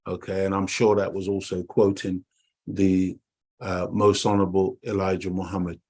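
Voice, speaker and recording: This deep, husky, slightly mellow male voice holds a level tone at a moderate pace. He is a middle-aged Jamaican man co-hosting an online talk show over a call, delivering an impassioned monologue that preaches with emphatic repetition and addresses "dear family."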